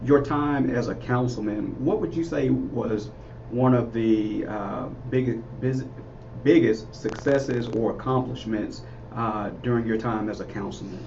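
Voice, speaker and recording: A man hosting a radio interview, asking halting questions and agreeing often. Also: medium pitch, darkish tone. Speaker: radio show host. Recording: distant mic, dull radio sound, hiss.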